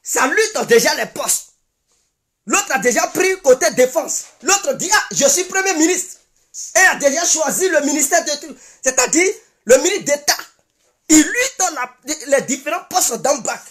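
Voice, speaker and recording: A woman's voice: high voice, expressive, normal speed. A woman with an Ivorian French accent giving an impassioned political commentary monologue, emphatic and given to repeating insistent declarations.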